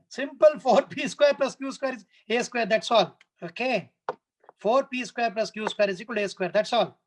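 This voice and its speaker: Male maths tutor, South Indian accent, notably high voice. Talks a class through working step by step, repeating and checking often. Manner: didactic, repetitive, often checks understanding with short questions. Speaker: maths teacher. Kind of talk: live online maths lesson, working problems step by step.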